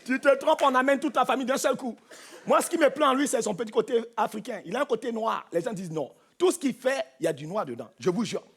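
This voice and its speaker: A man's voice: very high voice, animated, fast talker, slightly rough. A man with a Cameroonian French accent doing live stand-up on a theatre stage, teasing and punchy, talking straight to the crowd. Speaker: stand-up comedian.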